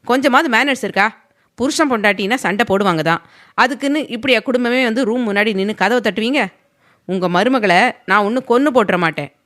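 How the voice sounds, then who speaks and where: A short-tempered young husband whose scolding comes out fast and sharp, read by a woman narrator. He talks down to everyone around him, and the storybook reading stays plain and close. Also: medium pitch, natural voice. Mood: angry, scolding.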